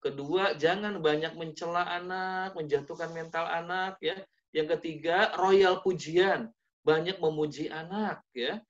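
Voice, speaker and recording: A man, an Islamic preacher, giving a lively parenting talk over a video call and sometimes acting out parents and children. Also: fairly high pitch, a little slow. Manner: animated, acts out parent-child dialogues in changing voices. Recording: dull lo-fi video call audio.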